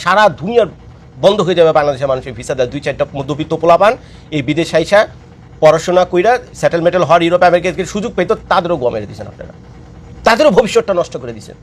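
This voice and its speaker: A high-pitched man rattles through a heated political monologue at a fast clip. He lectures and scolds his audience, hammering the same warnings again and again. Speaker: political commentator. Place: living abroad.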